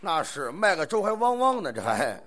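A man playing the straight man in crosstalk comedy, feeding short questions and quick reactions. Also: a little high, big pitch swings, a bit bright.

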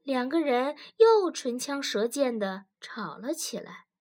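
A woman reading a story aloud in scripted narration, expressive, with wry asides. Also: high voice, takes it slowly.

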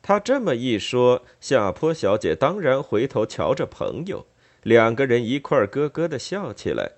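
Man, audiobook narrator, very lively pitch, expressive, wry. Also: moderate pace. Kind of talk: scripted narration.

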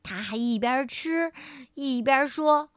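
A woman storyteller reading a storybook aloud for children, in a gentle and expressive way. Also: high voice, slow pace, no room sound, clean studio sound.

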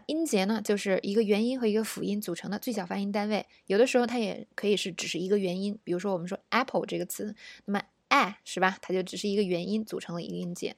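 Woman, pronunciation teacher, from China, patient explaining, mid pitch, dry close mic. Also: darkish tone, no echo. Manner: patient explaining, models English words slowly. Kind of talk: spoken language lesson.

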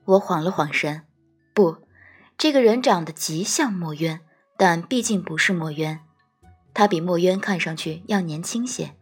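A woman narrating a first-person fantasy audiobook, gentle and wry. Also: fairly low pitch, expressive, moderate pace, slightly rough, faint music behind. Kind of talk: scripted storytelling narration.

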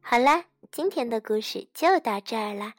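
A woman reading a children's bedtime story aloud in a gentle, expressive way. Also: fairly high pitch, normal speed, soft background music.

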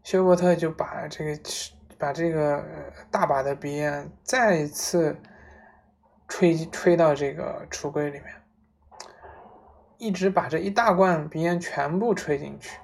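A woman casually retelling a story aloud, relaxed, with frequent fillers and restarts. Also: sits low, measured pace, gravelly.

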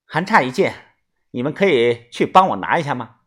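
A man voicing a cold, scheming woman who speaks in a calm, measured, sneering way, in a storytelling audiobook. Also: medium pitch, husky, pitched below the performer's own voice.

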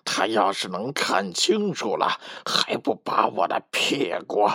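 A man voicing a sly, grumbling male big bad wolf with a gruff, muttering way of talking. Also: lowish voice, very animated, slow, pushed and bright, no room sound, studio quality, pitched below the performer's own voice, full character voice.

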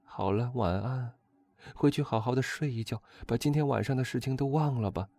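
A man reading a storybook, voicing a frightened noble countess who pleads in a high, strained voice. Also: moderate pace, a little mellow, dry recording, natural voice. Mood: pleading.

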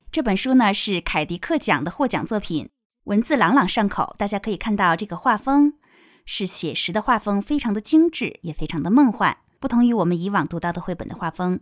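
A young woman teacher explaining a picture book line by line, with lively rises in her voice. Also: medium pitch, no room sound, clean studio sound. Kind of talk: picture-book reading lesson.

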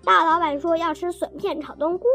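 A woman's voice: very high voice, steady tone, fairly quick, creaky, bright, forceful tone, soft background music, exaggerated voice. A woman voicing a blunt, playful young husband in a storybook reading. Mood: coaxing.

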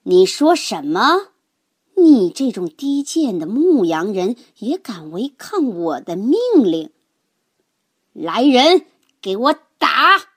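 A woman voicing an arrogant, cruel prince in a children's audio story, barking orders in a loud, forceful voice. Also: a little high, sing-song, slow pace, husky, heavily acted. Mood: contemptuous fury. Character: arrogant cruel Mongolian prince, grown man, bullying.

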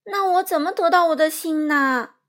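A woman voicing an angry male tin woodman who speaks forcefully. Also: very high voice, lively intonation, moderate pace, voice pushed up.

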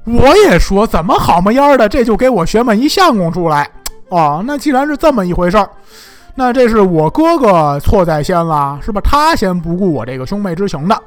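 A proud, fierce young noblewoman who lashes out with sharp, imperious scolding, played by a man telling the story. The voice sits high and swoops widely, spoken over faint music. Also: sing-song, brisk. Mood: indignant.

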